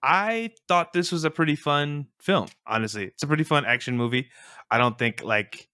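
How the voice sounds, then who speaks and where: A man with a bright, forward voice chats as a podcast guest. His delivery is informal and conversational. The recording is dry, with hardly any room sound. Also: a little high, moderate pace, clean tone, no echo. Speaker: podcast co-host and guest reviewer. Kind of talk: casual movie review chat.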